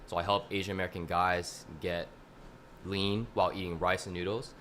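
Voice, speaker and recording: A very deep-voiced man in his twenties speaks as a guest on a casual podcast panel. He works as a fitness coach and explains things in a measured, steady way, dropping in "you know." Faint hiss runs behind him. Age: 20s.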